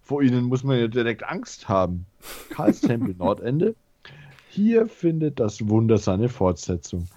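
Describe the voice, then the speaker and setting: A man's voice: medium pitch, big pitch swings, a little slow, dark tone, no room sound, lo-fi sound. A man reading the text of a game aloud to a fellow player, stumbling and commenting as he goes. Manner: reads long passages aloud, stumbles and comments. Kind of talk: let's-play reading and chat.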